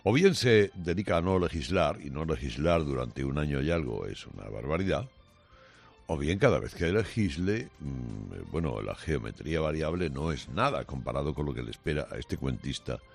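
A very deep, gravelly male radio host, delivering a combative morning opinion monologue. His delivery swings widely in pitch, sarcastic and biting, full of pauses and restarts. Faint music sits behind him. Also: big pitch swings.

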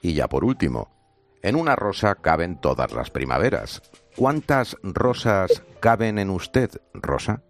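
A man's voice: sits low, sing-song, unhurried, soft background music. A man interviewing a guest on the radio, asking questions courteously and playfully.

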